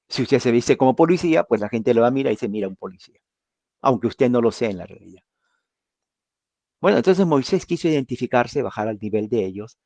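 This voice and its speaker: Male Bible teacher, mid-pitched voice, conversational and animated, dry recording. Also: no room sound. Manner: explains with rhetorical questions and acted-out quotes.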